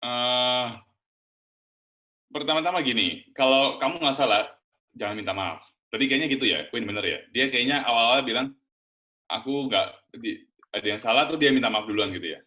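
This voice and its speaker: A male priest, answering a question on forgiveness in a gentle, patient way, often adding "ya". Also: medium pitch, a little fast. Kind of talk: pastoral Q&A answer.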